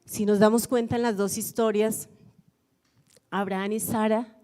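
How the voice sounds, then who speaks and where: A woman pastor delivers a sermon. Her voice is mellow and warm, at an ordinary middle pitch. She tells stories reflectively and repeats phrases for emphasis. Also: flat delivery, measured pace, clean tone. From Colombia.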